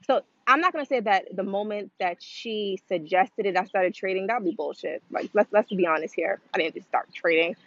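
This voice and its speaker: A woman chats through a casual vlog, loose and rambling, full of "um" and "like". Her voice sits mid-height, recorded dry and close with slightly dull, lo-fi audio. She tells her story in a relaxed, unscripted way. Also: medium pitch, fairly quick, few pauses, dry recording. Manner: rambling, filler-heavy, chatty with frequent "um" and "like"; acts out quoted voices in a livelier tone. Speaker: vlogger sharing her trading story. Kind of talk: casual talking-to-camera vlog.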